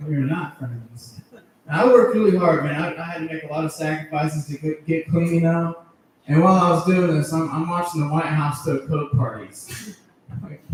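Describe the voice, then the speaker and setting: A stand-up comedian with a fairly high-pitched voice works a comedy club stage in front of an audience, telling crude, profanity-laden jokes and chuckling at them himself. He uses a handheld stage mic, but the recording catches him from a distance in an echoey room, with background noise.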